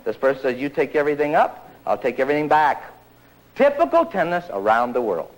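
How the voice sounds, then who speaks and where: A man giving an energetic tennis lesson, joking and acting out players' voices. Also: a little high, brisk, poor audio. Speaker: tennis coach. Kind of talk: energetic tennis instruction talk.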